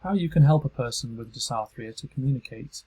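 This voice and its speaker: Male narrator, British accent, scripted, measured; slightly raspy tone. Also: medium pitch, rough recording. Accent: British English. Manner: calm, measured instructional delivery. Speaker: training narrator.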